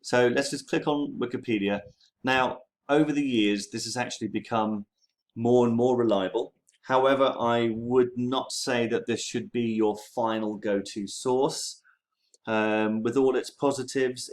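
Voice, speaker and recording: A man teaching history, walking students through a screen-share tutorial in a relaxed way with many ums and okays. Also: mid-range voice, unhurried.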